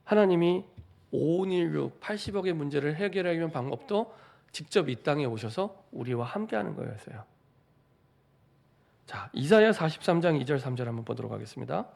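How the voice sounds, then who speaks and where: A middle-aged pastor preaches to his congregation in a church, his fairly high voice carrying a gravelly edge. He builds emphasis by repeating phrases and keeps checking in with the room through rhetorical questions. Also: animated, fairly quick, a little mellow. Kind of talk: Sunday sermon. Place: church sanctuary.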